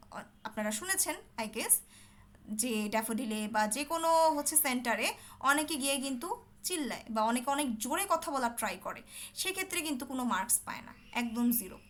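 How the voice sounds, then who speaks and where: Over a video call, a woman runs an online lesson on an English speaking test, patiently explaining things and frequently making sure her students keep up. Her voice is high-pitched with a sharp tone.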